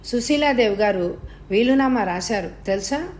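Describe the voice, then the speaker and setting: A woman's voice: on the high side, expressive, normal speed, a little mellow, slight background noise, close to an everyday voice. A woman reading the part of a cool, serious young woman who speaks in a matter-of-fact way in an audio story.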